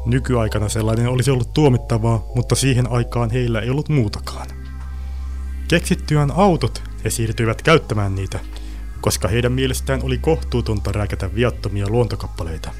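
A man's voice: mid-range voice, a little mellow. Man telling a story over faint music. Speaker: narrator. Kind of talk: audio drama narration with voiced characters.

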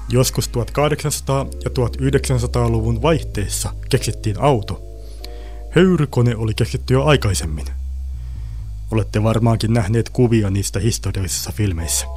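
A man narrating a science fiction story and voicing its characters in a lively storytelling manner. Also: medium pitch. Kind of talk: audio drama narration with voiced characters.

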